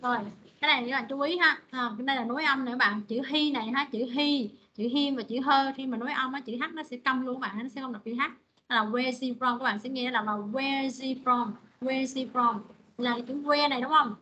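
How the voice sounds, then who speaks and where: A woman leads an online English pronunciation lesson. She repeats each phrase several times and calls students up by name. Her voice sits a little high, and the call audio sounds slightly muffled. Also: steady tone, quick pace, bright, forceful tone, husky. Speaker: English teacher.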